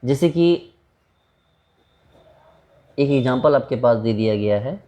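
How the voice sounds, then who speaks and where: A man's voice: mid-range voice, lively intonation, slow, warm tone. A man teaching a chemistry lecture in a casual, chatty way, asking rhetorical questions and calling students brother.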